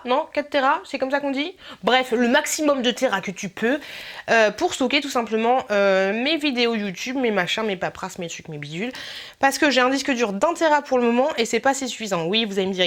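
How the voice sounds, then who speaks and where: A woman's voice: on the high side, a bit bright. A woman YouTuber talking through her wishlist in a casual vlog, chatty and playful, rambling with filler asides.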